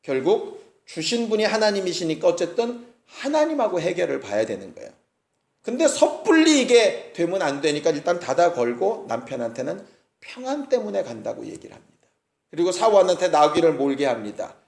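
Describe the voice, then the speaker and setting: A man's voice: high voice, very animated, fairly quick, vocal fry, darkish tone, reverberant. A male pastor preaching a sermon, retelling a story with acted-out quotes and rhetorical questions. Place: church sanctuary.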